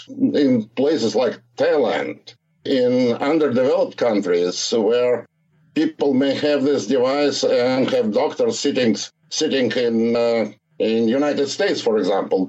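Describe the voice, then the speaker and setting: An older man with a Russian accent talks unhurriedly and searches for his words, with small pauses along the way. The audio comes through slightly muffled and dull. His voice sits at an ordinary middle pitch for a man. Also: a little mellow, husky. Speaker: guest, startup founder. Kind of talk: casual interview.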